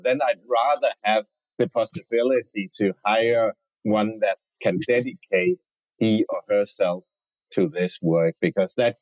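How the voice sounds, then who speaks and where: Guy, researcher, kinda low voice, slow careful answers, dry muffled audio. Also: a little mellow, no room sound. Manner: thoughtful, hesitant, restarts often. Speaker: researcher and award winner. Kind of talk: interview answer. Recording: dull lo-fi dry sound.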